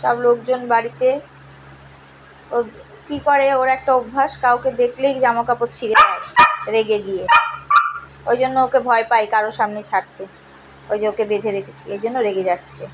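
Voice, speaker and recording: A woman's voice: fairly high pitch, fairly even intonation, brisk, pauses often, a bit bright, slight background noise. A woman, casually narrating a home video of her pet dog, teasing it with repeated calls to look and speaking to her viewers. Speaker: pet vlogger.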